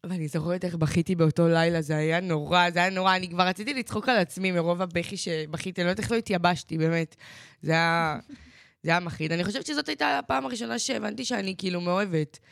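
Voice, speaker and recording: A woman's voice: lowish voice, vocal fry, no room sound, clean studio sound. A teenage girl, a podcast co-host, telling a personal story in casual chat, acting out what people said and filling her talk with "like". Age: teens. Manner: animated storytelling that acts out quoted voices, with lots of "like".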